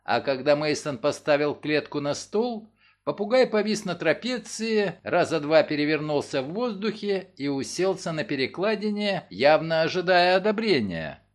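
A man reading a courtroom story aloud in expressive scripted narration. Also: on the high side, normal speed. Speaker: audiobook narrator.

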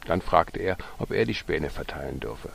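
Man, storybook narration, gentle, soft whispers, deep voice, gravelly. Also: lively intonation, normal speed. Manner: gentle, drops to a soft whisper in quiet scenes. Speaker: storyteller reading his own story.

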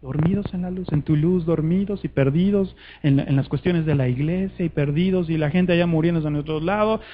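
A man preaching a sermon to a conference, urgent and fervent, swinging between loud appeals and hushed words. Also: on the high side, brisk, lo-fi sound, a little hiss or hum.

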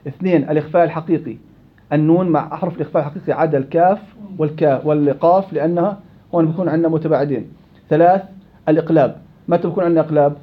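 A man leads a classroom tajweed lesson, firing quick questions at his students. His voice sits high and his words come fast. The recording is dull and lo-fi. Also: fairly even intonation, breathy edge. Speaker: Quran recitation teacher.

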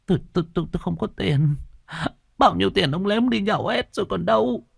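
A man's voice: mid-range voice, huge pitch swings, unhurried, creaky, slightly rough, no room sound, clean studio sound, pitched above the performer's own voice, heavily acted. A man voicing a frightened middle-aged peasant wife who stammers and begs. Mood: pleading. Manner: stammering, tearful begging.

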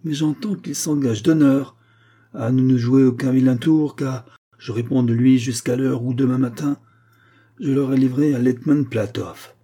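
A man reading a harsh, proud Russian major with a sarcastic, domineering manner, raised and louder than his narration in an audiobook. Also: mid-range voice, fairly even intonation, moderate pace, voice pushed up, natural voice.

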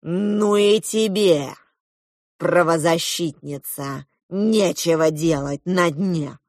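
A woman doing a slow, gloating crab villain. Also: fairly low pitch, no echo, studio quality. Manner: slow, loud, drawn-out menacing delivery.

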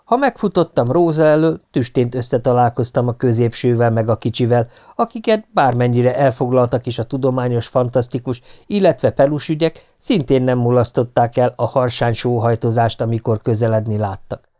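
A man's voice: mid-range voice, hardly any pauses, warm tone. A man reading a humorous novel aloud as an audiobook, telling it in a wry, ironic way. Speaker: audiobook reader.

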